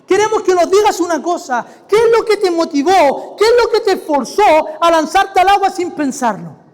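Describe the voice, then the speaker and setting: An earnest ship captain, as a male preacher puts him on, heaps praise on a rescuer in a very high, strained voice. Long reverb from the church hall trails behind every line. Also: expressive, normal speed.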